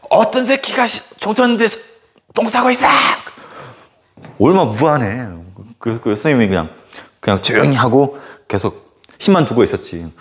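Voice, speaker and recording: A male history teacher tells a story casually during a lecture, animated and full of fillers. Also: mid-range voice.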